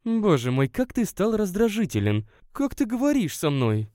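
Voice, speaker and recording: A man reading aloud voices a gentle, pleading young woman visitor in a spoken story. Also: high-pitched, huge pitch swings, moderate pace, dry recording, clean studio sound, pitched above the performer's own voice. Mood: hurt. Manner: soft, pleading, lilting.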